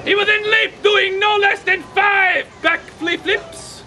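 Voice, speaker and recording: A man's voice: very high voice, fairly even intonation, takes it slowly, faint music behind, full character voice. A man playing a grandiose, bombastic flea circus showman, announcing in live fairground comedy outdoors. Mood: grand, excited. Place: outdoor truck-bed stage, far camera, crowd behind. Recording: distant outdoor camera, loud crowd noise.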